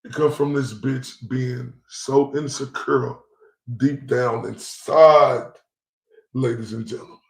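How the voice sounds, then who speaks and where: A man's voice: medium pitch, fairly even intonation, slow, creaky. A man from Dallas, ranting bluntly and profanely as a commentary host. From Dallas, Texas. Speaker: YouTube commentator. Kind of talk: livestream rant. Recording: roomy echoey recording.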